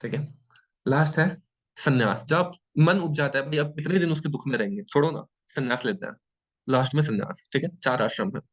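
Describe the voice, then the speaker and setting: A man teaching an exam-prep class in a lively, joking way, often checking in with his students. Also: fairly high pitch, fairly quick. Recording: dull lo-fi sound.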